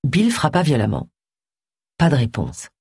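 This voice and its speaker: A woman narrating an audiobook in an expressive, varied reading style. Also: rumbling low, measured pace, vocal fry, slightly rough, no echo, clean studio sound.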